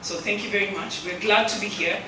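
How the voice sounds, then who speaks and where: Measured government delegate, echoey hall. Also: medium pitch, fairly even intonation. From Kenya. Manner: measured and diplomatic. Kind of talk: formal address. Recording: echoey hall, distant mic, noise.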